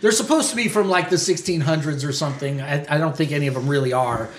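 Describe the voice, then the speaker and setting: A man's voice: a little high, fast talker. A man running a tabletop game as game master, narrating scenes and voicing guards as he goes. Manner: animated, voices guards mid-narration. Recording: roomy echo.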